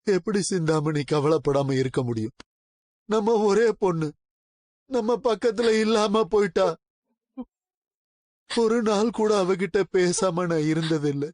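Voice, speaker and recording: A man's voice: high-pitched, lively intonation, a little slow, long pauses, a little mellow, no echo. A middle-aged actor playing an ailing, loving father who longs for his daughter in a TV serial. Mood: emotional. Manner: weak, emotional. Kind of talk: TV serial acting.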